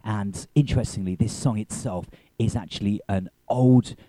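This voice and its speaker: A man's voice: on the low side, normal speed, warm tone, dry recording. A man presenting a radio programme as its host.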